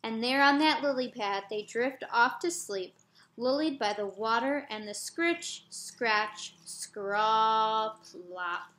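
A woman reading a picture book aloud, slow, expressive and gentle. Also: a little high, reverberant, slight background noise. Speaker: storyteller.

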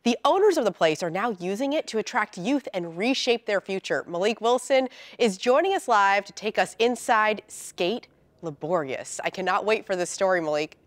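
A woman's voice: medium pitch, expressive, normal speed, no room sound. Female anchor, studio, dry close sound, conversational intro. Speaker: news anchor.

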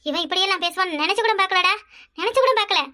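Cartoon: woman playing a fiery, fast-talking village mother, Kanyakumari Tamil accent. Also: pushed and bright. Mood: scolding. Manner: scolding, rapid and shrill. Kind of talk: cartoon voice acting.

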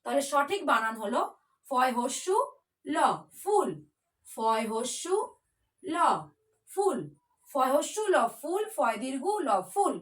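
A woman's voice: high voice, lively intonation, slow pace, pauses often. A woman teaching a children's spelling class in a patient, coaxing way, spelling words out letter by letter.

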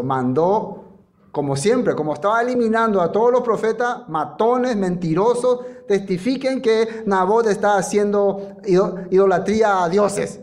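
Pastor guy, kinda high voice, telling the bible story lively, lots of questions to the room. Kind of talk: sermon.

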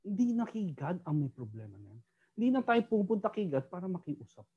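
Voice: mid-range voice, brisk, husky, muffled recording. A Bible study teacher with a Filipino accent, mixing Tagalog and English and often asking "di ba?" to the group. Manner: animated, keeps asking "di ba?".

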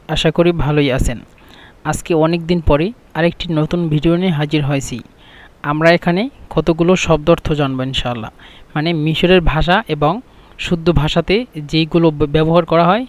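A man teaching a vocabulary lesson, saying each phrase slowly and more than once before explaining it. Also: a little high. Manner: repeats each phrase slowly, then translates. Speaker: Arabic teacher.

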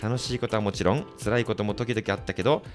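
A man's voice: fairly low pitch, fast, faint music behind. A man hosting a casual community radio show, joking, laughing and trying playful impressions.

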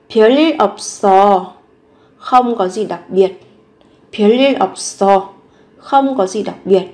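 A woman teaching short everyday phrases, repeating each one slowly before explaining it. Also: medium pitch, darkish tone. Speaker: Korean language teacher. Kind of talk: Korean lesson explained in Vietnamese.

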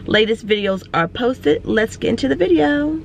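A woman's voice: a little high, lively intonation, normal speed, vocal fry. Chatty woman vlogging with her phone. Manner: chatty and enthusiastic. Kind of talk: casual shopping vlog chat. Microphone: phone held at arm's length.

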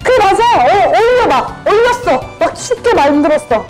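A woman's voice: very high-pitched, very animated, moderate pace, over music. A woman hosting her channel, describing clues in a party guessing game and repeating words over and over. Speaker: channel host.

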